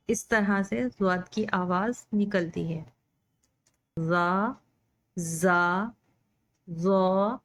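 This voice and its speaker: Woman, very slow, mid pitch, patient spoken lesson, repeats each sound. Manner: drawn-out, demonstrating each sound by repetition. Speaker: Urdu pronunciation teacher.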